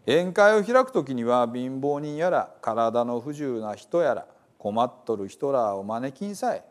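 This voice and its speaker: A man with a Hiroshima dialect voicing Jesus as a calm male teacher telling parables. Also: medium pitch, a little slow. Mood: advising.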